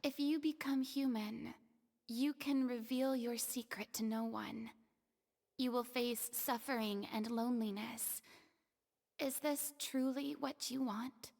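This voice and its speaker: A woman voicing a grieving, compassionate young woman in a video game, speaking in a hushed, breathy and sorrowful way. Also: a little high, fairly even intonation, slow pace, long reverb tail, exaggerated voice. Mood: solemn reciting.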